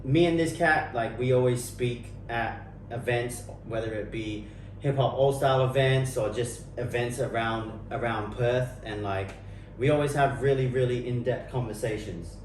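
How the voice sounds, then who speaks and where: A male podcast host who talks in relaxed hip hop slang. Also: medium pitch, moderate pace, few pauses, slight background noise. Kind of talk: casual podcast chat. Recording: roomy sound from a distant mic.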